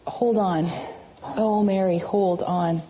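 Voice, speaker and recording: A woman's voice: mid-range voice, fairly even intonation, slow, in a large hall, muffled recording, slight background noise, lightly acted. A woman voicing an anxious, devoted young husband who pleads earnestly in a storybook reading. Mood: urgent.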